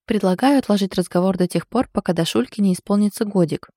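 A woman's voice: medium pitch, fast, dark tone, dry recording, close to an everyday voice. A woman reading the lines of a fond, ironic husband in an audiobook. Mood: wry fond. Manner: dry, ironic, affectionate. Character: teasing husband, a man, fond and wry.

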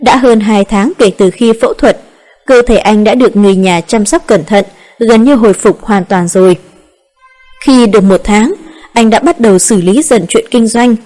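A woman narrating a romance novel in a calm, steady reading voice. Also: mid-range voice, normal speed. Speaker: audiobook narrator.

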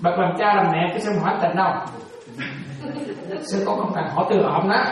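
A woman's voice: on the low side, steady tone, brisk, over a noisy crowd. A woman giving a Buddhist dharma talk, casually quizzing her listeners again and again and chuckling as she goes. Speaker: Buddhist teacher. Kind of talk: dharma talk with questions to students. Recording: very echoey room, mic at a distance.

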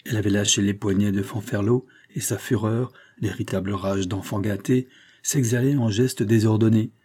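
Low, husky-voiced male narrator. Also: steady tone, normal speed, warm tone. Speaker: audiobook narrator. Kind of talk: scripted narration.

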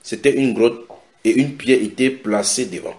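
A man preaching a sermon, retelling scripture dramatically with sudden shouted quotes and direct questions to his listeners. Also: mid-range voice, normal speed. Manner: asks the audience direct questions. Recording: echoey room.

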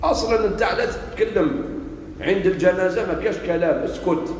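A man preaching a sermon with an Algerian Arabic accent, shifting between loud emphasis and quiet asides. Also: sits high, fairly quick, a little hiss or hum. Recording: echoey hall from far off.

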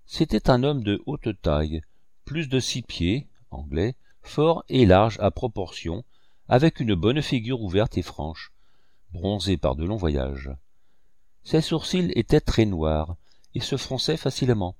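A man reading a classic novel aloud as an audiobook narrator, with expressive storytelling. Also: on the low side, a little slow, no room sound, studio quality. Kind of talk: scripted narration.

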